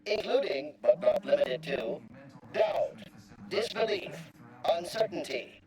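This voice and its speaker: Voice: mid-range voice, expressive, slow pace, noisy background. An actor voicing an officious, rigid bureaucratic machine in a video game, speaking in formal, stilted, wordy phrases. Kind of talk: scripted game dialogue.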